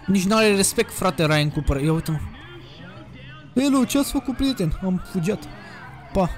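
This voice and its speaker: A young man giving crude, excitable commentary on a racing game he is playing, with sudden shouts, into a desk microphone at home. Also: high voice. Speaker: gaming youtuber. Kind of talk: casual gameplay commentary. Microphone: desk USB microphone.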